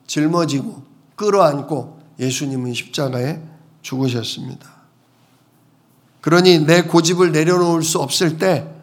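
A middle-aged male pastor preaching a sermon with earnest repetition and rhetorical questions. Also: fairly high pitch.

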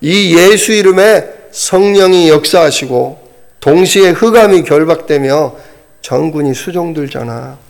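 A man quoting his wife as she patiently reasons with him in slow, steady, point-by-point words during a sermon. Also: a little high, creaky. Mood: patient reasoning. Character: calm wife patiently reasoning with her husband.

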